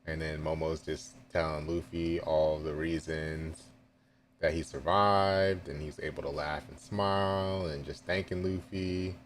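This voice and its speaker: A deep-voiced man takes his time, reading manga panels aloud and reacting in a relaxed, chatty way. A light hiss sits under his voice. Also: unhurried. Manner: reads panels aloud with casual asides and chuckles.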